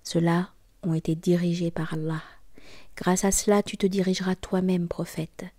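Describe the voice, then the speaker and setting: Soft-spoken woman in whispered scripture reading. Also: fairly low pitch, level tone, no echo. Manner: soft, measured, often whispered. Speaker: scripture reader.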